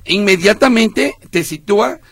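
A man's voice: high-pitched, lively intonation, unhurried, fairly bright tone, slightly rough, no echo. A man co-hosting a radio show, chatty and jokey, stumbling over his words now and then. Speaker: radio co-host. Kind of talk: casual radio banter.

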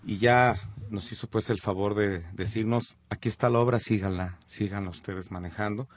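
Mexican guy on a radio show, low husky voice, dry close mic, talks in loops and restarts. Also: steady tone, normal speed, no room sound. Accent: Mexican Spanish. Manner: rambling, thoughtful, restarts often. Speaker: musician and theater director guest. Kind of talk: casual radio chat.

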